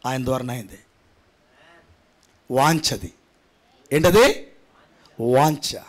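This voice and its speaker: A male pastor preaching a sermon with emphatic, repetitive phrasing that swings from quiet asides to shouted climaxes, in a church prayer hall. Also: mid-range voice, slow pace.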